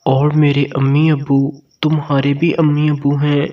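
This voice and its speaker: Storybook husband, firm and plain-spoken, male narrator voicing, higher pitch, muffled. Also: completely flat delivery, natural voice. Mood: earnest. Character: young husband, frank and firm. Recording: dull, distant mic sound.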